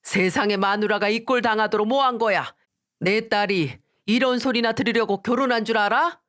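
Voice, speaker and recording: A woman's voice: fairly high pitch, normal speed, fairly bright tone, dry recording, clean studio sound, voice pushed up, natural voice. Woman doing an indignant older father.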